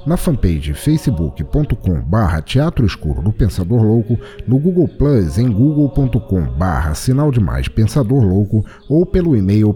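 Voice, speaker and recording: A Brazilian man hosts a podcast of short stories, narrating in a scripted, formal and literary style. His voice is fairly low with a warm tone, and music plays behind it.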